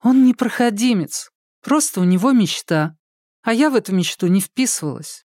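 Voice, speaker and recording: A woman's voice: medium pitch, expressive, moderate pace, darkish tone, no room sound, studio quality, natural voice. A woman voicing a meek young housekeeper who blames herself, read in an audiobook. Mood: pleading. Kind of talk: audiobook character voice.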